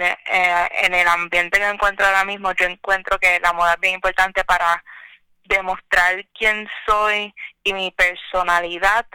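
A woman's voice: lowish voice, bright, forceful tone, clean tone, dry recording, poor audio. A young adult woman chatting casually as a guest over the phone, dropping English words into her Spanish. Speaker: podcast guest. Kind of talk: casual chat.

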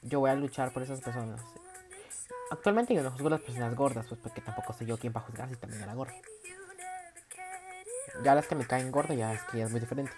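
Un hombre con acento centroamericano que habla en su podcast de forma casual, chismosa y presumida, con cambios dramáticos de tono. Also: male voice, fast talker, pauses often, music in the background. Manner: dramatic, gossipy and boastful, with big swings in pitch and loudness. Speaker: podcast host.

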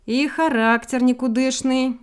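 A woman's voice: high-pitched, fairly even intonation, a little slow, smooth, voice pushed up. A woman voicing a kind, brave and clever male guard dog in a storybook reading, with a soothing, folksy manner. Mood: musing. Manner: soothing, good-natured, folksy.

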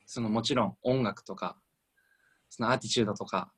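A man's voice: on the low side, fairly quick, a bit bright, breathy edge. A young man with a Kansai accent, hosting a casual band radio chat, leading the talk with questions and enthusiasm. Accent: Kansai Japanese. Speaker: radio show MC.

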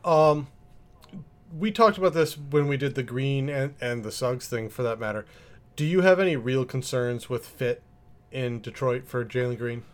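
Male sports host, medium pitch, conversational and informal delivery. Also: moderate pace. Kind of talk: casual sports discussion.

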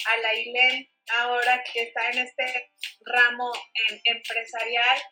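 Mujer mexicana de voz aguda y pausada. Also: female voice, a little high, monotone, bright, forceful tone, soft background music, rough recording. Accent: Mexican Spanish. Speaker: co-host. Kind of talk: casual chat over coffee.

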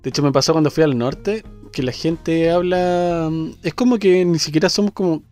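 A man's voice: on the high side, moderate pace, a little mellow, soft background music. A man with a Chilean accent, co-hosting a casual radio chat and talking with many fillers and restarts. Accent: Chilean Spanish. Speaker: co-host.

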